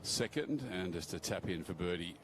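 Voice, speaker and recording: A man's voice: low voice, lively intonation, moderate pace, background noise. A man giving live golf commentary as a sports broadcaster.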